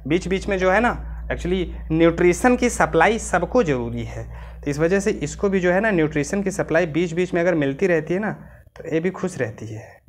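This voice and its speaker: Indian male biology tutor, casual lecture, dictates notes slowly. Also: high-pitched, animated. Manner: chatty, calls students "beta", slows right down to dictate English. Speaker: biology teacher.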